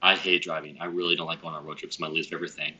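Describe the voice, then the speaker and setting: A teenage man co-hosting a casual podcast chat, telling stories in a rapid, animated way. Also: rumbling low, dull audio. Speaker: podcast co-host.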